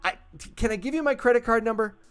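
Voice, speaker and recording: A man hosting a call-in livestream, ranting excitedly and laughing at himself. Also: very high voice, quick pace, a crowd in the background. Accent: New England. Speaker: livestream host. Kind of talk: casual call-in livestream talk.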